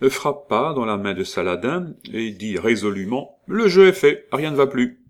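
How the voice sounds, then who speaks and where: Expressive male audiobook narrator. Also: deep voice. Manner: expressive, with occasional hesitations. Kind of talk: audiobook reading.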